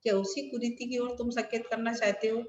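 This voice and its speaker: A woman's voice: a little high, little pitch movement, brisk, darkish tone, highs cut off, a little hiss or hum. A woman teacher explaining a Hindi lesson over a video call, asking rhetorical questions and restating each point. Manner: rhetorical, repeats and rephrases lines while explaining. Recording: echoey room with long reverb.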